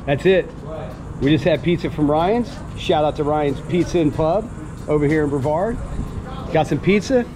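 An excited man narrating his magnet fishing outdoors at a waterfront, hyped and shouting catchphrases. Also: fairly high pitch, normal speed, noisy background. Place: outdoor waterfront docks and park.

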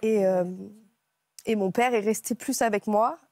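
A woman guest on a TV talk show, retelling a personal ordeal in a halting, emotional way, with frequent restarts. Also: mid-range voice, steady tone, darkish tone, dry recording, clean studio sound. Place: TV studio set.

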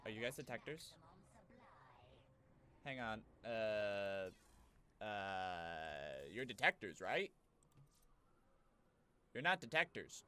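A man's voice: fairly low pitch, big pitch swings, slow pace, long pauses, bright, forceful tone, a little hiss or hum. A man, muttering offhand, sweary commentary as he streams a game. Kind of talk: casual gameplay commentary.

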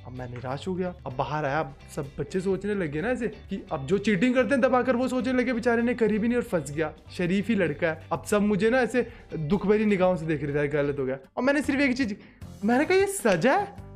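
A young man telling a school story in a casual vlog, animated and acting out the quoted lines. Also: sits high, fairly quick, faint music behind. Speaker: vlogger.

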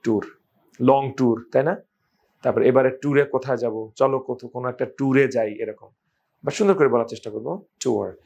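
A man teaching English pronunciation, stretching out each sound slowly and repeating it. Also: mid-range voice, darkish tone, muffled recording. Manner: slow, drawn-out sounds demonstrated and repeated. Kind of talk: phonetics lesson.

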